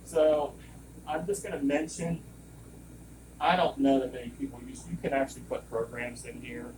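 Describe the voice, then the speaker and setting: A man's voice: mid-range voice, flat delivery, moderate pace. A man in a hands-on training session, explaining equipment in a casual, rambling way that wanders off on tangents. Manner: informal, rambling, digressing. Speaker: equipment trainer, service technician. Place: room with running lab machinery. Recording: distant mic, loud machine noise. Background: loud compressor and vacuum pump noise.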